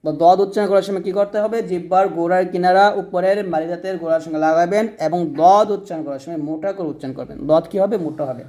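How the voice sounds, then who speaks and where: A man's voice: sits high, quick pace, hardly any pauses, mellow. A man teaching Arabic letter pronunciation, patiently repeating each sound and prompting listeners to say it after him. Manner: patient, repetitive drilling with call-and-repeat prompts. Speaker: Quran recitation teacher.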